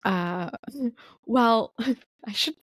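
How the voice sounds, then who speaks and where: A young woman, a guest mother in a casual interview, telling her story in a lively way, laughing often and acting out the people she quotes. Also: fairly high pitch, drawn-out words, dry recording, studio quality.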